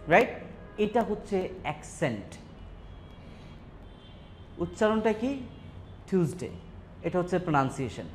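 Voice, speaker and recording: A male teacher from Bangladesh lectures a class and keeps pausing to ask if everyone has understood. His voice sits fairly high. Faint background noise runs under the recording. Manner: rhetorical check-ins with students. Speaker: English teacher.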